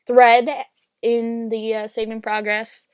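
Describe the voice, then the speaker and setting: A woman's voice: a little high, little pitch movement, slow pace, clear, resonant tone, no room sound. A young woman co-hosting a casual group podcast, chatty and giggly, often laughing at herself. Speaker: podcast co-host. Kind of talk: casual group chat over voice call.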